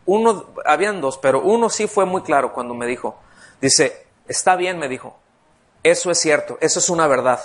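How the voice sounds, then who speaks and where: Male pastor with a high voice, teaching with frequent questions to the congregation. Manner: conversational, asks the congregation questions, acts out voices. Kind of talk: expository Bible teaching sermon.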